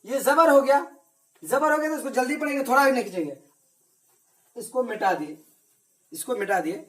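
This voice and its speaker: A man's voice: very high voice, fairly bright tone. Man teaching kids a reading lesson. Patient and repetitive, quizzes his class and answers for them. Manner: asks questions and answers them himself; slow, repetitive drilling. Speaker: religious teacher. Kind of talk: Arabic reading lesson for children.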